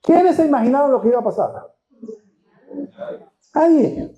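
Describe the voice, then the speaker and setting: A pastor preaching a sermon, retelling scripture dramatically and firing rhetorical questions at the congregation. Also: male voice, very high voice, sing-song, normal speed, warm tone. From Venezuela. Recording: dull lo-fi sound.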